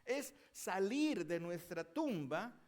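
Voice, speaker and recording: High-voiced preaching pastor, man. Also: sing-song, slow. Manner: preaching with big swings between loud declarations and low, quiet asides. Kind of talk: sermon.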